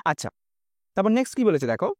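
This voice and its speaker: A man's voice: high-pitched, big pitch swings, quick pace, a little mellow, no echo, studio quality. A man with a Bengali accent teaching an exam-prep English lesson, patiently explaining and often asking if students understood.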